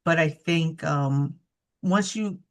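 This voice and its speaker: A woman's voice: sits low, slow. A woman who cares for her parents, speaking candidly and practically in a casual heartfelt conversation. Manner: candid, thoughtful, practical, with some "um"s. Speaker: family caregiver for her parents.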